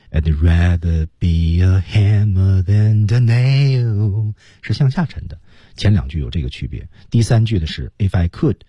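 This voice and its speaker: A man's voice: low-pitched, warm tone, breathy edge, no room sound, dull audio. A man co-hosting a radio English lesson, breaking song lines into stressed words and linked sounds. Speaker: radio English teacher and co-host. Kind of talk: radio lesson on pronunciation and singing.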